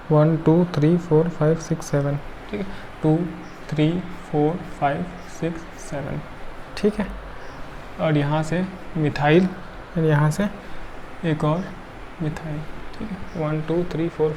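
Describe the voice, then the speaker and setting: A tired man teaches chemistry in a fairly high voice. He works step by step, counting aloud and checking in with the class often. A faint hiss sits under the recording. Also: fairly even intonation, slow pace, vocal fry, long pauses. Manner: counts atoms aloud, frequent checking tags. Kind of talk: classroom lecture.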